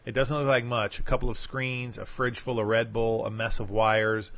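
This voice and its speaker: A man's voice: medium pitch, flat delivery, moderate pace, a bit bright. Man reading an article on his podcast. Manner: reads aloud, adds casual asides. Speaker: podcast host. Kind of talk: reading an article aloud with asides. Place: home setup, broadcasting live.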